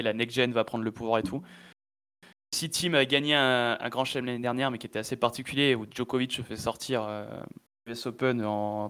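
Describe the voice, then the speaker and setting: A man's voice: mid-range voice, a bit bright, clean tone. A man from France hosting a casual chat, hesitant and full of restarts and fillers.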